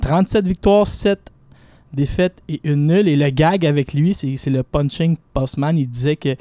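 A man's voice: fairly high pitch, moderate pace, warm tone, no echo. A man with a Quebec French accent, counting down a list on a radio segment in a playful, chatty way. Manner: playful, chatty, stretches out names. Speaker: boxing segment contributor.

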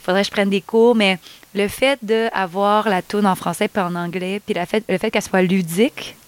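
A Québécois woman talks as a singer being interviewed, telling stories in an animated, easygoing way. She laughs often and fills her speech with little fillers. Her voice sits at an ordinary pitch for a woman. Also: moderate pace, smooth, no echo. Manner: animated storytelling, laughs easily, lots of fillers. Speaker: singer guest. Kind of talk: casual interview chat.

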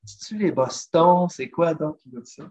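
A husky Québécois man speaks a little slowly in a slightly high voice, chatty and lively. As a podcast guest who drums and travels for food, he keeps saying "listen" while explaining recipes in casual interview chat. The recording is dull and lo-fi.

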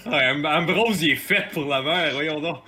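A man's voice: on the high side, normal speed, heavy background noise. A man with a Québécois accent chatting casually as a player in a tabletop game. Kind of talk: casual joking table talk.

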